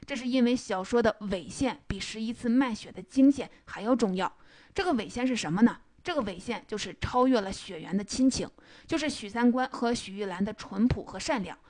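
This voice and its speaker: A woman retelling and analyzing a novel in a measured, explanatory storytelling manner. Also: a little high, lively intonation, a little mellow. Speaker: book commentator.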